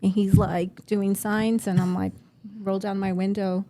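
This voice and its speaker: A woman's voice: medium pitch, a little slow. Chatty woman telling a story as a guest. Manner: chatty, animated storyteller who acts out quotes. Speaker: podcast guest. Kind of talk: casual storytelling chat.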